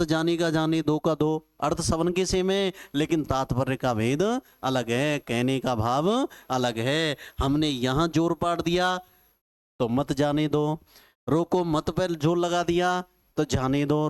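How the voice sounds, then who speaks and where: A male Sanskrit teacher, giving a classroom lecture and dictating notes slowly, repeating each phrase with homely examples. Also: a little high, clear, resonant tone, no echo, studio quality. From Rajasthan, India. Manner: slow, repetitive dictation with folksy examples.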